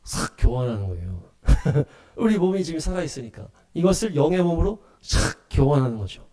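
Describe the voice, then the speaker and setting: Animated pastor preaching a lively sermon. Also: male voice, a little high, moderate pace. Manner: animated, acts out voices and laughs often. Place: small church hall.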